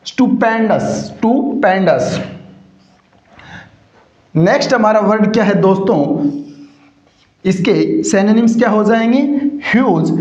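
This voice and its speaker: A man teaching English vocabulary for exams, asking a question and answering it himself, and stretching words out slowly to show how they are said. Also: high-pitched, a little mellow. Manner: repeats each word with question-and-answer drilling; drawls words slowly for pronunciation. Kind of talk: exam-prep vocabulary lesson. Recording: roomy, dull lo-fi sound.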